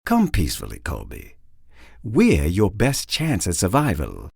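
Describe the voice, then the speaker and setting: A calm male government agent, steady and persuasive, read by a man in a lowish voice. He keeps his words measured and firm. The recording is dry and close. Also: gravelly, husky, no echo, full character voice.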